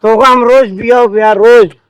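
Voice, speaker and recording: A man's voice: extremely high pitch, fairly even intonation, normal speed, fairly bright tone, clean tone. A man playing a mischievous village drinking buddy in a comedy sketch, cajoling and bossy, with an Awadhi accent. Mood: coaxing.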